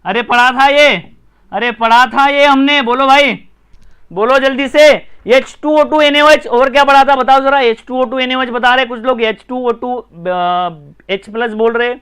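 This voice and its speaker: A man with an Indian accent teaching a live online chemistry class, brisk and repetitive, often urging viewers to comment, like and share. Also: very high voice, fairly even intonation, pushed and bright, smooth.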